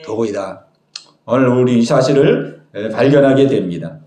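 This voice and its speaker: A man's voice: mid-range voice, expressive, normal speed, warm tone. A man preaching a sermon as pastor, speaking emphatically and putting questions to the congregation. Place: church sanctuary. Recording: echoey church hall.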